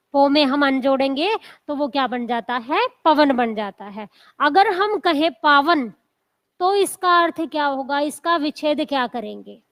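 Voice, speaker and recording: Slow high-voiced woman teaching. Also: a bit bright. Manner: slow, drawn-out syllable-by-syllable teaching with repeated questions. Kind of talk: exam coaching lecture.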